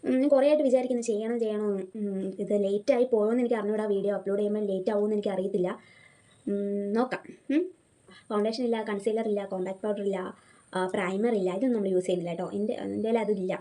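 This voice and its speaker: A young woman, her voice hoarse from a fever, chatting casually to viewers as she gets ready and talking to herself between steps. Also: medium pitch, steady tone, fast talker, dark tone. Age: young adult. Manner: chatty, talks to herself while doing makeup. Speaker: beauty vlogger. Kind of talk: casual get-ready-with-me chat. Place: home by rice fields, crickets outside.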